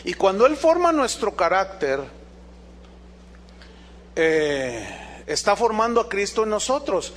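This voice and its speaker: A man preaching a sermon as pastor, animated, asking the congregation rhetorical questions and acting out dialogues. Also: high voice, takes it slowly, pauses often.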